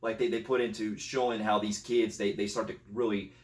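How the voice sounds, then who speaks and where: A man chatting casually about a favorite comedy, rambling through halting, filler-heavy sentences. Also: on the low side, flat delivery, far from the mic. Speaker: podcast co-host. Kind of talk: casual movie chat.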